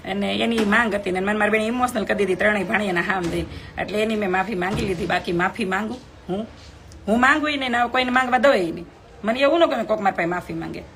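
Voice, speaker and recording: A middle-aged woman talks quickly and bluntly into her phone, lecturing her live-stream viewers. Her voice sits at a middle pitch, and a faint hiss runs under it. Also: fairly bright tone. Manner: blunt, scolding, preachy.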